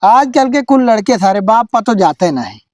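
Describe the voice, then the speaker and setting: A man's voice: sits high, expressive, normal speed, no echo, clean studio sound. A man playing a blunt, bossy village headman who hands out advice in an Awadhi accent in an amateur comedy sketch. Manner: blunt, advising.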